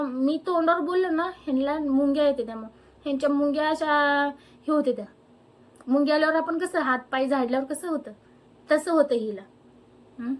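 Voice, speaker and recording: A young woman ranting angrily to camera, firing off indignant rhetorical questions. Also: high-pitched. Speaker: vlogger. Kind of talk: angry personal rant to camera.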